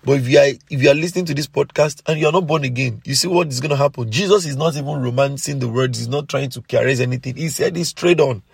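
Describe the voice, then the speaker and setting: A man delivers a sermon on a podcast in an earnest, exhorting way, slowing down to drive points home. His voice is gravelly and a bit husky, recorded close and dry. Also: mid-range voice, no echo. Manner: earnest, exhorting, slows for emphasis. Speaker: preacher.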